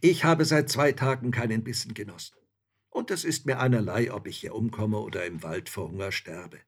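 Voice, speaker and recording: A man's voice: on the low side, normal speed, husky. A man voicing a bold, hungry, cheeky soldier in a storybook reading, talking in a boisterous, swaggering way.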